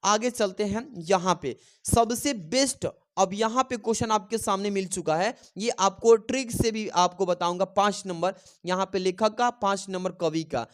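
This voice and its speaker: A high-pitched man preps students for a Hindi exam at a moderate pace with few pauses. He poses a question, answers it himself, and repeats the key answers so they can be written down.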